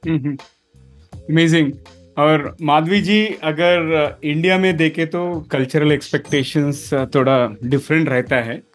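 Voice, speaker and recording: A man hosting a podcast who asks measured questions and then restates them in English. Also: a little high, steady tone, soft background music. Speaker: podcast host. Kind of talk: interview questions.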